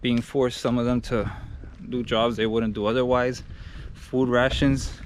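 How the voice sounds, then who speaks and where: A man's voice: medium pitch, little pitch movement, unhurried. A man in his thirties talking casually to his camera as he walks outdoors in the wind, as a travel vlogger. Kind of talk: casual walking travel vlog. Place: outdoors on hilly old village streets. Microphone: action camera held at arm's length. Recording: windy outdoor noise on action camera.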